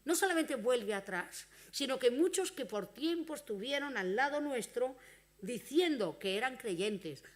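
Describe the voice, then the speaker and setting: A woman with a Spain Spanish accent preaching a sermon in church, earnest and conversational. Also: high voice. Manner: earnest, conversational, with acted-out quoted dialogue.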